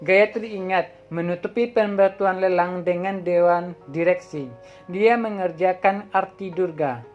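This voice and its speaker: A woman reading a drama plot synopsis aloud as a channel host, in a plain even way that sometimes stumbles and restarts words. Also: lowish voice, measured pace. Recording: dull lo-fi audio with faint background music.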